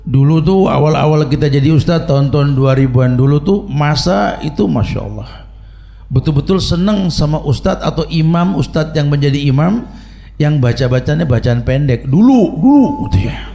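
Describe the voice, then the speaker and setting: Middle-aged guy preaching, funny stories, chants arabic bits, voice a bit high. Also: moderate pace, creaky. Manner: animated storytelling, chanting Arabic recitations. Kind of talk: humorous sermon.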